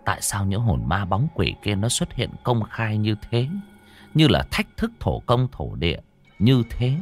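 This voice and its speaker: Low-voiced man telling a dramatic horror story. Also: measured pace, soft background music. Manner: dramatic, animated delivery. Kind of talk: scripted horror story narration.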